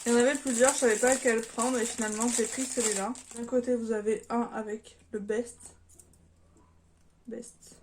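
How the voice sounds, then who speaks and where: A woman's voice: on the high side, steady tone, a little fast, hardly any pauses, noisy background. A French woman chatting casually in an unboxing vlog, hesitant and full of fillers, apologizing now and then. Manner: chatty, hesitant with many fillers, self-deprecating. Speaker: vlogger.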